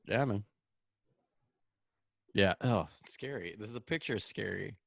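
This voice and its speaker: A man's voice: lowish voice, expressive, measured pace, gravelly, a bit bright, dry recording, clean studio sound. A young man co-hosting a podcast, chatting casually, laughing often and letting sentences trail off. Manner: laid-back, laughing, trailing off. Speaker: podcast co-host. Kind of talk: casual chat.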